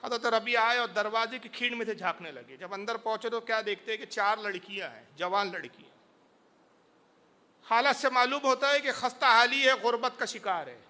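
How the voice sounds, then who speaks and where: A man's voice: very high-pitched, pushed and bright. A man from India, a preacher telling a story in a sermon with impassioned, dramatic narration.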